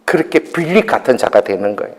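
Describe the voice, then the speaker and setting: A female pastor preaching with personal testimony, swinging between loud exclamations and soft asides and laughing at herself. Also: very deep voice, expressive, fast talker. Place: church hall. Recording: long hall reverb.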